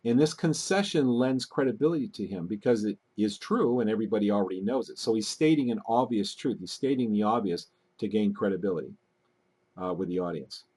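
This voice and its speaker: A man commenting on video clips in a deliberate, analytical way, with frequent fillers. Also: fairly low pitch, darkish tone, breathy edge. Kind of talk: casual commentary.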